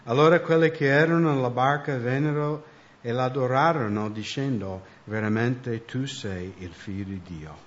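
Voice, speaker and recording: A man interpreting a sermon and reading scripture aloud, steady with small slips and corrections. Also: mid-range voice, normal speed, dull audio.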